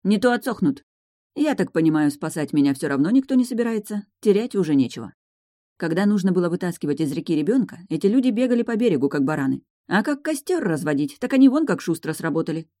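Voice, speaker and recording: A woman's voice: fairly low pitch, big pitch swings, quick pace, mellow, no room sound, clean studio sound. A woman narrating a first-person fantasy audiobook in a wry, ironic manner.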